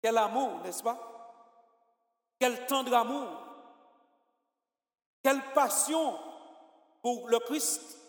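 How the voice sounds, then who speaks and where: Martinican male preacher, very high voice, slow and impassioned, soft to shouting, long hall reverb. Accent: Martinican French. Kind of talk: sermon.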